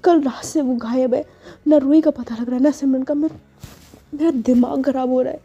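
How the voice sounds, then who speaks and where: A woman's voice: sits high, steady tone, moderate pace, mellow, breathy edge, soft background music. A woman voicing a distraught middle-aged father who scolds and frets, on a dull lo-fi recording. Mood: agitated. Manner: agitated, scolding.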